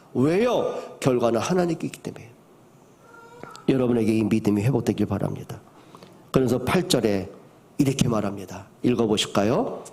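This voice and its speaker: An older man, a pastor, preaching a sermon, moving from soft to loud and asking the congregation questions. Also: on the high side.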